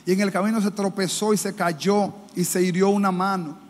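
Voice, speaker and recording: A man with a Dominican Spanish accent preaching a sermon as pastor, impassioned, mimicking the people he quotes in higher, louder voices. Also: steady tone, normal speed. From Dominican Republic. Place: church. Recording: reverberant church hall, faint ambience.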